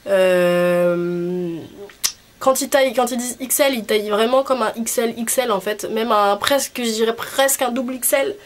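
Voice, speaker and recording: A woman's voice: on the high side, moderate pace. A young woman with a blocked nose and a honking, nasal voice, chatting casually and rambling informally as a vlogger. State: congested with a cold. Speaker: cosplay vlogger. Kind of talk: casual video chat. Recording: clearly noisy background.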